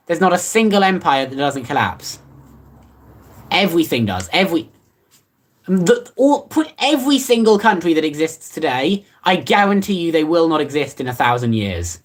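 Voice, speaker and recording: Livestreamer, casual chat, lively swinging pitch, rambling, fillers, playfully sarcastic. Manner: rambling and offhand, many fillers and restarts.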